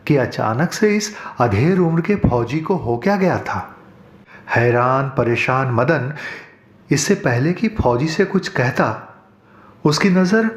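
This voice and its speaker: A man narrating a horror audio drama in a measured, dramatic storytelling voice. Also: mid-range voice. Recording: roomy echo.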